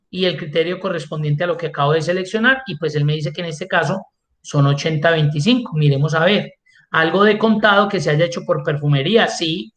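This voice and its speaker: A man's voice: high voice, a bit bright. A man teaching an online class as an instructor, explaining step by step and answering his own questions. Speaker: Excel instructor.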